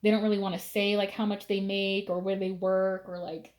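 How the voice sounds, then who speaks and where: A woman's voice: mid-range voice, flat delivery, brisk, darkish tone. A young woman giving a casual tarot reading, chatty and full of fillers, laughing now and then. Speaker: tarot reader.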